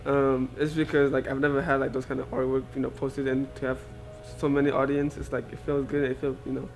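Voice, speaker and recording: A man talks hesitantly about showing his artwork in a casual interview. His delivery stays very flat in pitch, and faint music sits behind his voice. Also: fast talker. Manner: hesitant, with fillers. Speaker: exhibiting artist.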